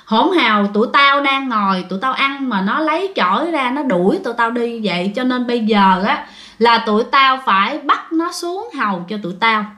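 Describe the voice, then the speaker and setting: A woman's voice: on the high side, lively intonation, moderate pace, pushed and bright. Woman telling it as scolding vengeful ghosts. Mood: angry. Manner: harsh scolding. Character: angry vengeful ghosts speaking through a medium.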